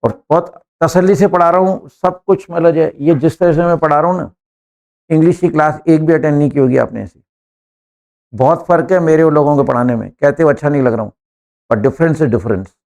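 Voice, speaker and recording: A man's voice: a little high, fairly quick, vocal fry, darkish tone. A man teaching an English class, joking and quizzing students one by one.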